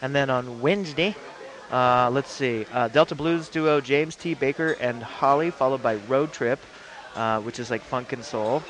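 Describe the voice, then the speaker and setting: A man's voice: mid-range voice, normal speed, fairly bright tone. Radio guy rambling about whats on in town, cracks jokes, lots of uh and um, voice in the middle range. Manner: rambling, joking, many fillers and restarts. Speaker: radio co-host. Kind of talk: casual chat about local events.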